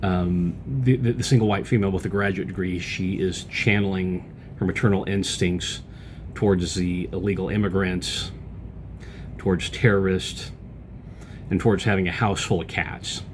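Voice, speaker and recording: A deep, low-pitched man, acting as a podcast host, speaks right into a close camera mic, giving a casual political commentary monologue. He rambles loosely at a moderate pace with fairly even intonation, full of "uh"s, fillers and false starts. A faint low rumble runs underneath.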